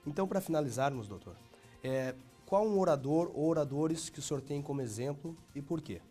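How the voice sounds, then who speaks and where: A man interviewing for a diction course, speaking in a formal, measured way. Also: fairly high pitch, animated, mellow, slightly rough, soft background music.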